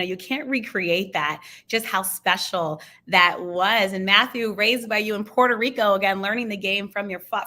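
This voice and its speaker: Sports radio host, woman, bright and crisp voice, enthusiastic. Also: mid-range voice. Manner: upbeat, enthusiastic questioning. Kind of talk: sports talk radio interview.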